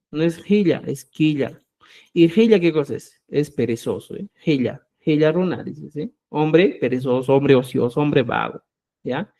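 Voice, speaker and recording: A man's voice: a little high, dark tone. Man teaching Quechua, checks in often. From Peru. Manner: explanatory, keeps checking in with "¿ya?", spells out syllables slowly. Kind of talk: live online class.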